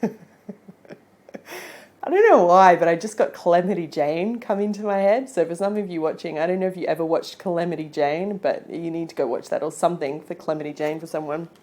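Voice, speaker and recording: A woman's voice: fairly low pitch, fairly even intonation, fast talker, hardly any pauses, dark tone. A woman with an Australian accent giving a casual, chatty tarot reading to camera and encouraging her viewers. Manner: chatty, encouraging, often checks in with "okay?" and "right?". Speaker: tarot reader.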